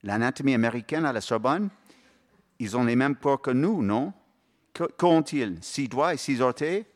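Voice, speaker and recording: A man's voice: medium pitch, expressive, normal speed, pitched above the performer's own voice, natural voice. A man voicing a sardonic older father who mocks with sarcastic questions. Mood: mocking. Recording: reverberant hall.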